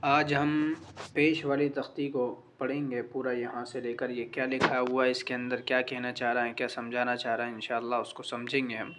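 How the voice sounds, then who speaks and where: Pakistani urdu guy doing a quran reading lesson for beginners, bright voice, sounds out each letter slow. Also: medium pitch, little pitch movement, a little hiss or hum. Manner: spells out each letter and its vowel sound slowly, then explains quickly.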